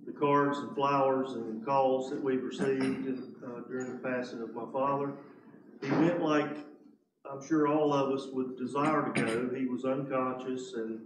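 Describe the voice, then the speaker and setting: Quiet guy thanking folks from the pews, far from the mic, echoey church. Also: mid-range voice, fairly even intonation, a little slow, background noise. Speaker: congregation member. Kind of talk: sharing a family update. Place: church sanctuary. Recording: roomy, distant from the mic.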